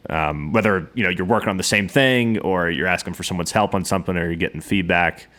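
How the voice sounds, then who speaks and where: A man with a Southern US accent hosting a podcast interview, chatty and relaxed, with frequent fillers. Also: sits low, quick pace. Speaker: podcast host. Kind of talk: casual interview.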